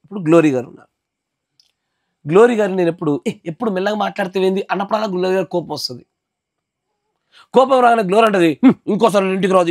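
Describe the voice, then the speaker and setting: A man's voice: sits high, creaky, no echo, clean studio sound. A male pastor giving an emphatic sermon at a house gathering, often checking that his listeners follow.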